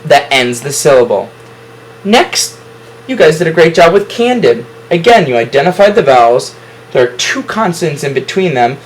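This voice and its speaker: Lively encouraging male teacher. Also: fairly high pitch, low-quality recording. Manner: encouraging, praises students often. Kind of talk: classroom phonics lesson. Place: classroom.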